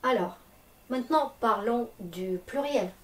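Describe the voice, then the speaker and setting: A woman teaching a language lesson at a slow, deliberate pace, regularly stopping to ask whether everyone is following. She is a native Russian speaker and sits well back from the mic. The room has a noticeable echo and a faint hiss in the background. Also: fairly high pitch, lively intonation, fairly bright tone. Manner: patient, checks understanding often. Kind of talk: classroom lesson. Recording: echoey room, distant mic, faint noise.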